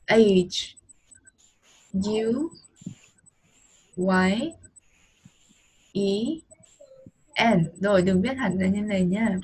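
A woman's voice: medium pitch, extremely slow, long pauses, a little mellow, slightly rough. A woman with a Vietnamese accent, an online English teacher patiently correcting a child's homework and spelling words letter by letter.

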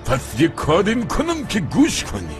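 A man's voice: sits high, wildly swooping pitch, music in the background. An actor dubbing a stern older grandfather who forbids a young man from marrying his granddaughter. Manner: stern, dismissive. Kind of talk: Persian dub of a TV drama.

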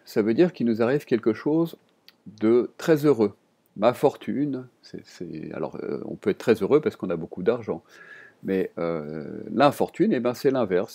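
Male teacher, relaxed and hesitant delivery, deep mellow voice; desk recording. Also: husky. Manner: relaxed, hesitant, with many fillers and restarts. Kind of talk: explaining vocabulary to students.

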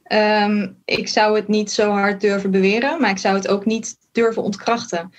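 A woman's voice: medium pitch, fairly even intonation, moderate pace. A woman from the Netherlands, a physician in training, explaining carefully in a casual podcast talk with many fillers and hedges. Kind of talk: casual conversation.

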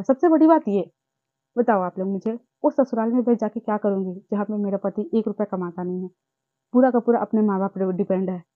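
A woman's voice: a little high, no room sound. A young woman vlogging about her own life, speaking in an impassioned, repetitive and indignant way. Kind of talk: emotional personal vlog monologue. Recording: tinny phone-like sound.

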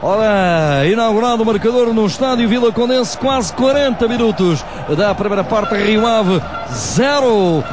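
A man with a European Portuguese accent calls football on the radio in an excited, dramatic, emphatic shouting style. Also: sits high, a little slow, noisy background. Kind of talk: excited play-by-play radio commentary. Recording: radio broadcast with loud crowd and music.

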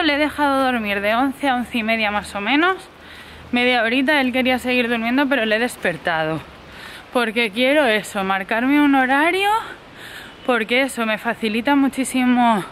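A young woman from Spain, a mother chatting casually in a vlog, with frequent laughs and soft asides to her baby. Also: fairly high pitch, slight background noise. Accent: Spain Spanish. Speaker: vlogger mother.

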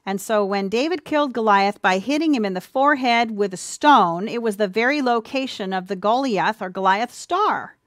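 A woman giving an earnest, sermon-style Bible teaching, speaking warmly to listeners as dear ones, with a few ums and restarts. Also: fairly high pitch, animated, moderate pace, hardly any pauses, no echo, studio quality. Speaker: presenter of a church teaching.

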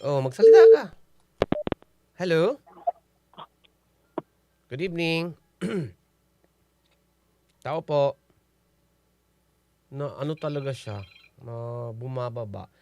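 A man's voice: fairly high pitch, lively intonation, slow, long pauses, warm tone, a little hiss or hum. A man hosting a call-in radio show, teasing callers and laughing often. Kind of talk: playful call-in radio banter. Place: radio studio.

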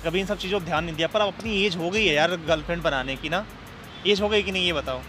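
Outdoors in a park, a young male prankster host teases a female stranger and recites playful love couplets as street prank banter. His voice sits high and comes out fast, pushed and bright, with music playing in the background.

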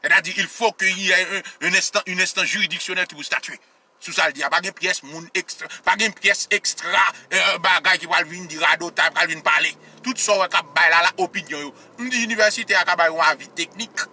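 A man with a Haitian accent giving animated political commentary, repeating his points and asking rhetorical questions, sometimes mimicking others in a raised voice. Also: sits high, a little fast, husky. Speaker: political commentator, show host.

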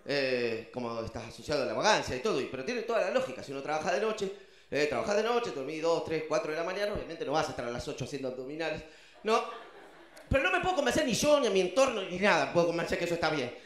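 Echoey Argentine comedian doing stand-up. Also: male voice, on the high side, fast. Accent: Rioplatense Spanish. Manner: animated storytelling, acts out voices. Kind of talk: stand-up routine.

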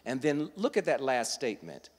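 A man preaching a sermon, teaching verse by verse and building to loud, emphatic passages. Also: medium pitch, huge pitch swings, normal speed, breathy edge, in a large hall. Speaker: guest preacher. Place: church sanctuary.

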